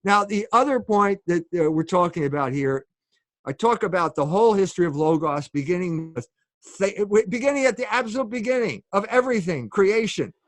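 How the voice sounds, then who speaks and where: A man with a notably high voice gives a public lecture, speaking with earnest emphasis. His words come across dry and close, with no room echo around them. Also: animated, fairly quick. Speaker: speaker and author.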